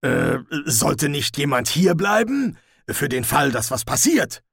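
Man doing a jittery middle-aged sergeant, raised pitch, fretful. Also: sing-song, takes it slowly, vocal fry, a bit bright, slightly rough, no room sound, clean studio sound, exaggerated voice. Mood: nervous. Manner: nervous, fretful.

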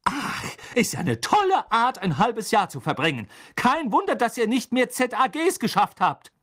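A man voicing a stern middle-aged mother who scolds in a sharp, shrill tone. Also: lively intonation, moderate pace. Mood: furious.

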